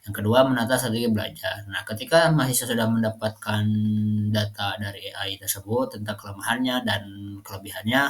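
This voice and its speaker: A young man with a lowish, fairly bright voice, a university student, gives a class presentation. He sounds hesitant, with frequent fillers and many restarts.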